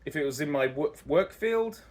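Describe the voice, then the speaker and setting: A man's voice: on the high side, lively intonation, moderate pace. A man telling his own story casually as a vlogger, candid and rambling, often correcting himself as he goes.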